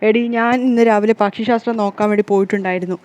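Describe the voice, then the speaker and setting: A woman voicing a dramatic middle-aged mother who wails and scolds loudly. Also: mid-range voice, fairly even intonation, quick pace, clear, resonant tone, natural voice. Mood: scolding. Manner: loud, lamenting.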